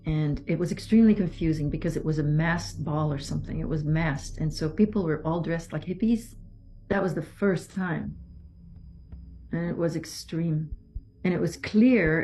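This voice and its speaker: Her voice low and soft, a French-speaking Belgian woman gives survivor testimony in an interview. The delivery is halting but measured, marked by pauses and restarts.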